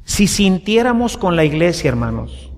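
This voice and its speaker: A man's voice: high-pitched, sing-song, normal speed. A male priest preaching a sermon, asking the congregation questions and repeating phrases. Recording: long reverb in a large church.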